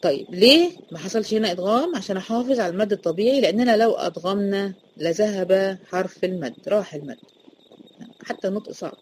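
A woman's voice: mid-range voice, expressive, quick pace, a little hiss or hum, poor audio. A woman teacher with an Egyptian accent explaining a recitation lesson, asking questions and answering them herself. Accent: Egyptian Arabic.

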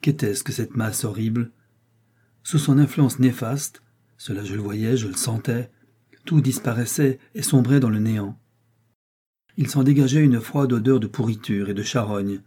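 A man narrating a novel in a slow, dramatic, carefully measured delivery. His voice is dark and mellow, with a husky, slightly veiled edge. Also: medium pitch. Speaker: audiobook narrator.

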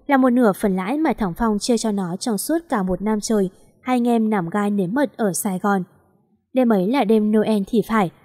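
Female audiobook narrator, steady storytelling read, dry studio sound. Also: mid-range voice, no echo.

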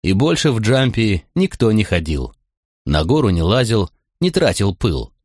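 A man's voice: fairly low pitch, very animated, moderate pace, a little mellow, no room sound, studio quality. A man reciting rhythmic verse in an audiobook. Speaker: audiobook reader.

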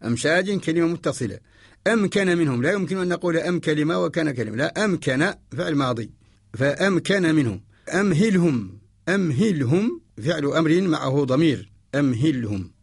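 Man, from Mauritania, radio lesson teacher, slow deliberate explaining, fairly high pitch, gravelly, dry studio sound. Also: animated, dry recording. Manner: slow, deliberate, repeats each example word by word. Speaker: Quran orthography teacher. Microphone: studio microphone.

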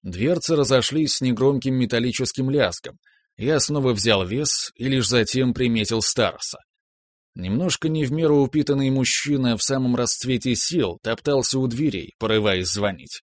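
Man reading an audiobook in first person, calm and even, dry close mic. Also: mid-range voice, normal speed, no room sound. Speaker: audiobook narrator. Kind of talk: first-person narration of a novel.

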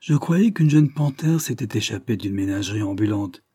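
A man's voice: on the low side, expressive, normal speed, dark tone, breathy edge, no echo, clean studio sound. A man reading an audiobook and voicing a sly, spiteful woman who feigns innocence and gossips in a wheedling way. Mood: feigned surprise.

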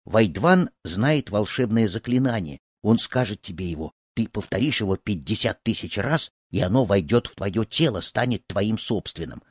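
A man's voice: on the low side, lively intonation, moderate pace, hardly any pauses, slightly rough, no room sound, studio quality. A man voicing a friendly male villager giving advice in a folk tale, in a confiding tone.

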